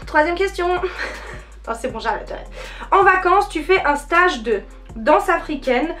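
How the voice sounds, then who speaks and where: High-pitched playful French woman vlogger. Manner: playful, self-mocking, chatty with filler words. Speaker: dance channel host. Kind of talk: casual vlog chat.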